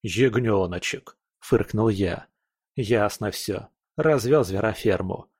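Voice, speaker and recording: Male narrator, first-person audiobook, slow measured pace, dry close sound, wry and blunt. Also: fairly low pitch, darkish tone, dry recording.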